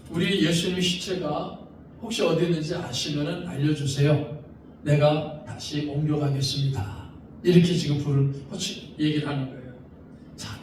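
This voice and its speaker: A man's voice: high voice, a little hiss or hum. A male pastor preaching a sermon, acting out the people in the story with dramatic voices. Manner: acts out the figures' lines in dramatic voice. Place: church sanctuary. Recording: distant mic in an echoey church hall.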